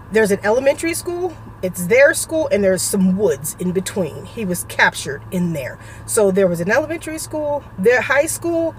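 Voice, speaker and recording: A middle-aged woman vlogger giving a halting, emotional personal update, close to tears. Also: a little high, slight background noise. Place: suburban home.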